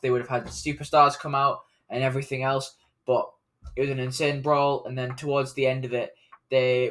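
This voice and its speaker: A man's voice: medium pitch, fairly bright tone. A man giving a casual, unscripted recap of a wrestling show, rambling along with plenty of fillers and self-corrections.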